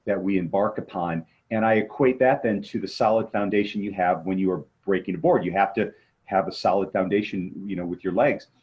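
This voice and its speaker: Appearing as an interview guest, a motivational coach and martial arts trainer talks in a lowish voice with the high frequencies missing. He explains his points in a conversational way, often posing rhetorical questions.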